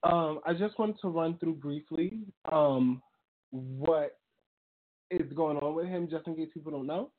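A man's voice: a little high, unhurried. A man co-hosting a talk show, explaining things in a chatty way full of "um" and "like.". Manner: chatty, many fillers like "um" and "like". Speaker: podcast co-host. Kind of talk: casual talk-show commentary. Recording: tinny phone-like call audio.

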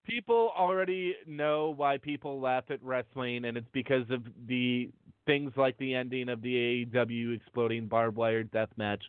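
A man chats casually as the co-host of a podcast. His pitch sits in the middle range for a male voice. The sound is dry and narrow, like a call over a phone line. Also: steady tone, moderate pace, clear, resonant tone, no room sound. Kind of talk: casual chat. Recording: tinny, phone-like dry connection.

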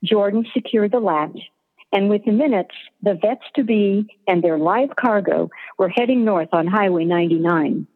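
A woman narrating a scripted story in an even, descriptive way, over a tinny line with long reverb. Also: medium pitch, normal speed, husky.

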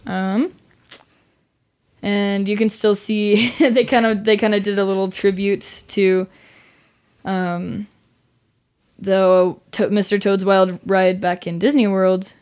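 A woman's voice: mid-range voice, level tone, takes it slowly, a little mellow, clean tone. A woman chatting informally and giggly as a podcast co-host. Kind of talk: casual chat.

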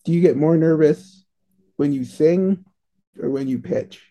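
A man's voice: fairly high pitch, measured pace, dark tone. A man asking casual interview questions in a tentative, informal way.

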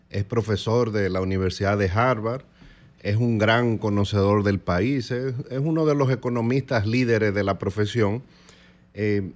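A man with a Dominican Spanish accent, giving measured economic commentary on a morning radio panel, often pausing on fillers. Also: mid-range voice. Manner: measured, hesitant with frequent fillers.

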